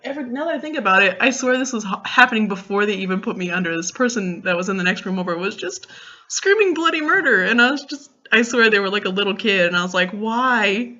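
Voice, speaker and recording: A young woman chatting casually in a vlog, retelling a story in an animated way with lots of fillers and quoted dialogue. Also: medium pitch, fast, muffled recording. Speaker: vlogger.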